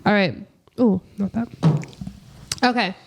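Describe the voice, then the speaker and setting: A woman's voice: mid-range voice, takes it slowly, gravelly. A woman co-hosting a podcast, laughing often as she reads song lyrics aloud in a guessing game. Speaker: podcast co-host.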